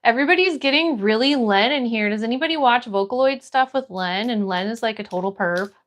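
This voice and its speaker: An American woman with a notably high, fairly bright voice hosts a casual livestream at a brisk pace. Friendly and encouraging, she greets viewers by name and reads their comments aloud as she chats.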